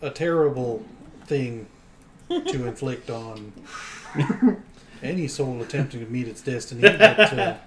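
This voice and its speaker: A man's voice: mid-range voice, animated, measured pace, long pauses, fairly bright tone, roomy sound, a little hiss or hum. A man playing a character in a tabletop game, playful and theatrical. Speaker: player. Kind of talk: in-character tabletop role-play.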